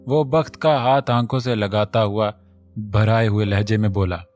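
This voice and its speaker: A man narrating a romance novel in a steady storytelling manner. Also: on the low side, measured pace, faint music behind. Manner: steady storytelling, reads all the voices.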